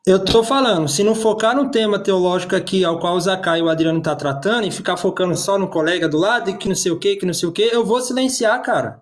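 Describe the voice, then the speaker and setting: A man's voice: sits high, quick pace, few pauses. A man moderating a live debate, firm and warning, repeating himself for emphasis.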